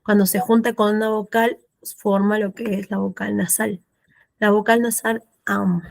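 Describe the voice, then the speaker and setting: A woman's voice: mid-range voice, little pitch movement, gravelly, no echo. A woman teaching French to adult students in Spanish with an Argentine accent, patiently repeating words and checking with "¿sí?". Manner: patient, repeats words slowly, asks "¿sí?" often. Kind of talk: classroom explanation of pronunciation.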